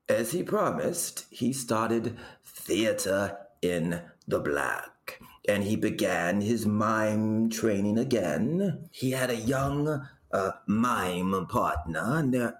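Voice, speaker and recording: This is an actor portraying a rambling, deadpan man who tells absurd family history in a comedic audio drama. His pitch is fairly low, and he works in deliberate dramatic pauses.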